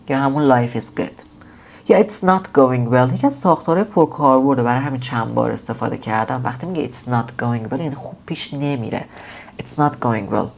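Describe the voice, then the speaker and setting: A woman with a Persian accent teaching English phrases in a casual lesson, repeating each model phrase slowly and clearly. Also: sits low, darkish tone.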